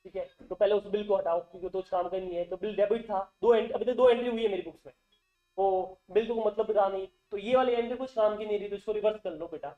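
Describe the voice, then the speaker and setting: A male accountancy teacher lectures fast in a high voice with fairly even intonation, faint music behind him. He quizzes the class constantly and repeats terms back, in a dull, roomy classroom recording.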